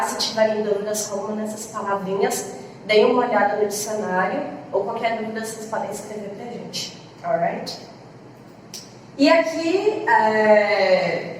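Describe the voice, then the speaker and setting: A woman with a Brazilian Portuguese accent explaining grammar as an English teacher. She talks patiently, slows down to model example phrases and checks in with her students as she goes. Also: on the high side, a little hiss or hum. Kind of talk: explaining grammar in a class lesson. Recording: echoey room, voice from a distance.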